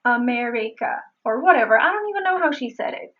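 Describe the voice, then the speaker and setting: A woman accent coach giving a pronunciation lesson. She speaks deliberately and repeats words again and again to show how they sound. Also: on the high side, expressive, narrow, tinny audio.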